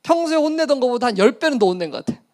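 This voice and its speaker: A man's voice: extremely high pitch, expressive, racing, darkish tone. A middle-aged male pastor telling a personal story in a sermon, acting out the voices and laughing at himself.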